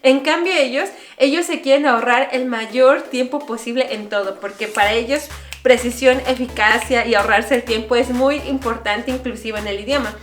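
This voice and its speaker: A woman's voice: on the high side, moderate pace. A young Mexican woman vlogging in a chatty, explaining way, piling up examples and asides. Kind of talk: casual explainer vlog. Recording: roomy echo, faint music behind.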